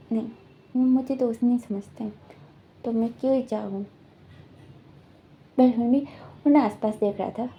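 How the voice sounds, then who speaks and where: A woman casually retelling a story, rambling along with frequent fillers and restarts. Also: on the high side. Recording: dull lo-fi recording.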